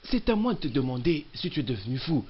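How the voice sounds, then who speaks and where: A man's voice: medium pitch, big pitch swings, quick pace, breathy edge. A man dubbing a quarrelsome man who insults his rival. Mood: contemptuous. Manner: contemptuous, insulting. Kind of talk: French-dubbed film acting. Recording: dull lo-fi dub.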